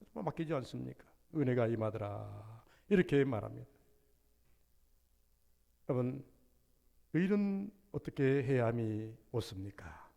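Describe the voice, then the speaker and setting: A male pastor preaching a Sunday sermon, dramatic and animated, acting out biblical dialogue as he goes. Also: mid-range voice, gravelly. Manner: dramatic, voices biblical figures in dialect-tinged speech. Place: church sanctuary. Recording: long church reverb.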